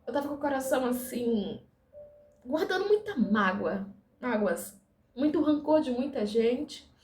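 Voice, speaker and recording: A woman giving a personal faith testimony, telling it in a lively way and acting out the dialogue. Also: high-pitched, measured pace. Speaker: dental assistant giving a testimony. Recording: echoey room.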